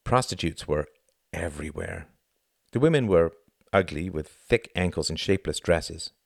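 A man reading a novel aloud as an audiobook narrator, in an expressive storytelling manner. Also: low voice, normal speed, creaky, no echo, studio quality. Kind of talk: scripted narration.

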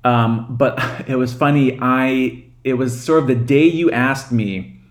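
Male podcast guest, mid-pitched, enthusiastic, casual and rambling delivery. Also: measured pace. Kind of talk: casual chat.

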